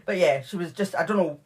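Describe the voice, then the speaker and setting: A woman's voice: fairly low pitch, big pitch swings, moderate pace. A woman co-hosting a true crime podcast, casually retelling case details with lots of fillers and asides. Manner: chatty, filler-heavy retelling of case notes. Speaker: podcast co-host.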